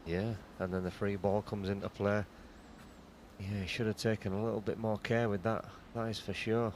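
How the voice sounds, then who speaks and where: Low-voiced man, hushed snooker commentary. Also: flat delivery, moderate pace, a little hiss or hum. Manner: understated, conversational, analytical.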